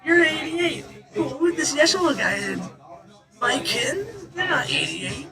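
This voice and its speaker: A man's voice: extremely high pitch, animated, measured pace, crowd noise, pitched above the performer's own voice. A man putting on the voice of a puzzled small child who stammers questions at his father. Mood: baffled.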